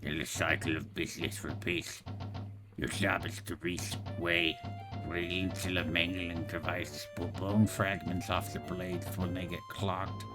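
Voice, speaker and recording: A man's voice: low-pitched, level tone, unhurried, over music, low-quality recording. A man voicing a callous, businesslike game supervisor who gives matter-of-fact instructions about grisly work. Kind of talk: reading game dialogue aloud.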